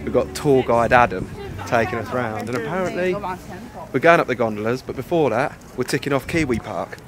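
A man's voice: mid-range voice, expressive, brisk, over music. A young man, chatting casually and cheerfully to a handheld camera while travelling outdoors, laughing often. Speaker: travel vlogger. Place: outdoors on a road trip.

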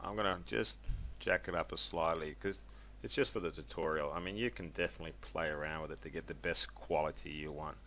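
Gravelly low-voiced man talking through a tutorial. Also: a little fast, few pauses, bright, forceful tone, a little hiss or hum. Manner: chatty, loose, with many ums and self-corrections. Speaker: software tutorial maker. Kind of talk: casual screen-recorded tutorial.

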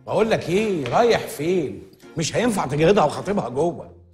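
An actor with an Egyptian accent playing a scheming, fast-talking go-between with a wheedling, conspiratorial manner. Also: male voice, fairly high pitch, very animated, darkish tone, faint music behind. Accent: Egyptian Arabic. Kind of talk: Egyptian film comedy acting.

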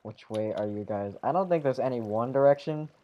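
A man plays a video game with friends in casual gaming chat, his medium-pitched voice sounding as though the highs are cut off. He rambles, corrects himself, and throws in quick exclamations.

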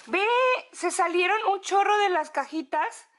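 A young Mexican woman with a Mexican accent, gushing excitedly in a casual home vlog from her apartment. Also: extremely high pitch. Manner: excitable, gushing, drawn-out words. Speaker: vlogger.

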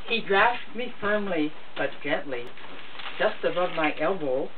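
Sweet old lady reading slowly, distant phone-like sound. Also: on the low side, animated. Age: 70s. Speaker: grandmother reading a story aloud. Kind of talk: reading a comic story aloud to family. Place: wood-panelled room in a home, indoors. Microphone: camera a few metres away. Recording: muffled phone-like sound, distant mic, noisy.

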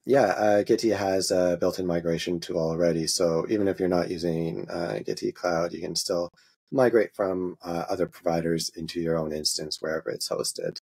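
A man, an open source maintainer, walking through a software demo in an interview, halting and easygoing, with many filler sounds. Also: low voice, fairly even intonation, gravelly, slightly rough.

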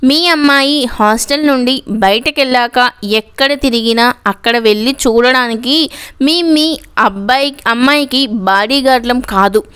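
A woman voicing a stern woman hostel warden in an audio story, sharp and scolding. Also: a little high, a little slow, clear, resonant tone.

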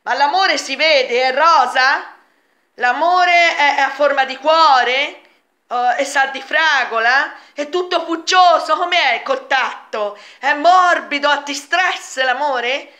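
A woman's voice: high voice, slow pace, sharp tone. A woman vlogger making an emphatic, insistent monologue full of rhetorical questions in reply to a comment. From Italy. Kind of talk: argumentative monologue answering a comment.

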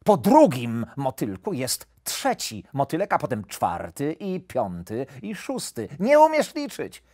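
Man voicing storybook wolf, gruff, stern, impatient, slow scolding, dry recording. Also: medium pitch, big pitch swings, no room sound, heavily acted. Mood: irritated. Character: grumpy impatient wolf, reluctant teacher. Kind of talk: audiobook character voice.

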